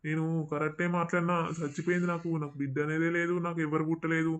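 A man's voice: a little high, level tone, rapid-fire, smooth, natural voice. A man voicing a bitter village father. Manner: bitter, scolding, muttering. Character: angry middle-aged village father disowning daughter. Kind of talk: cartoon voice acting.

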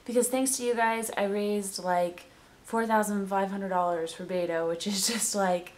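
A young woman talking casually in a vlog, chatty and giggly. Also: mid-range voice. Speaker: vlogger. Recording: faint hiss.

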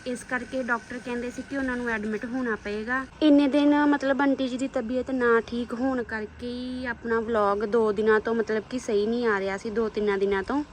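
A woman's voice: a little high, a little hiss or hum, rough recording. A woman chatting casually as she films a daily vlog, showing viewers around a rural home and garden. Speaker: vlogger.

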